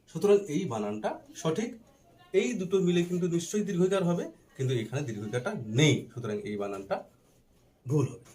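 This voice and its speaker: Lively-voiced Bengali grammar teacher, man. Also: a little high. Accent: Bengali of Bangladesh. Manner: asks and answers his own questions; slow and deliberate while writing, spelling out letters. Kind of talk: blackboard grammar lesson.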